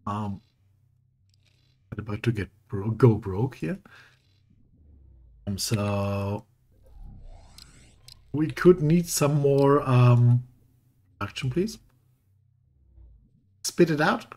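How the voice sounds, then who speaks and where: A man with a German accent and a very deep, soothing voice, rambling through casual commentary on his game and correcting himself as he goes. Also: very slow, pauses often, dark tone. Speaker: let's play host. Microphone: desk mic with equalizer.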